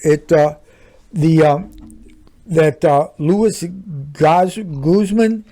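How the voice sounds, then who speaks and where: Older male co-host, casual and halting, slightly high-pitched; lo-fi podcast sound. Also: mellow. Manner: halting, many fillers and restarts. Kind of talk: casual chat. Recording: older lower-quality podcast audio.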